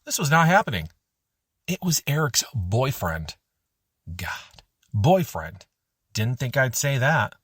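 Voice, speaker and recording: A man narrating a first-person adventure audiobook in an expressive, animated reading style. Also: mid-range voice, dry recording, studio quality.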